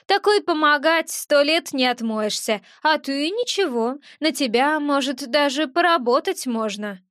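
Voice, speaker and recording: Brief: a rude little eared sprite, grumbling in rustic slang, high and squeaky, put on by a woman narrator. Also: expressive, a little slow, a bit bright, no room sound, clean studio sound. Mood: sulky. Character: grumpy little eared winged male sprite.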